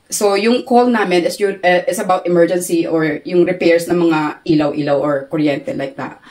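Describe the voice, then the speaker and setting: A Filipino woman giving a casual interview, animated and laughing often as she talks. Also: fairly low pitch, normal speed. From Philippines. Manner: animated, laughs often, mixes Tagalog and English. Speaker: interview guest.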